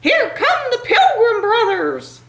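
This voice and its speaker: A woman's voice: extremely high pitch, very animated, slow, vocal fry, a bit bright, echoey room, slight background noise, pitched above the performer's own voice, heavily acted. A woman voicing a frantic young male turkey who shrieks and pleads for somewhere to hide. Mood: panicky.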